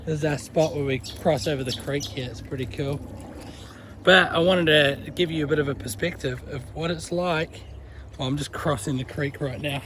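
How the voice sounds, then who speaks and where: Walking his dog by a creek, a young man with a New Zealand accent chats in a casual walk-and-talk vlog, relaxed and using Kiwi slang. His slightly high voice moves at normal speed, with a little hiss or hum.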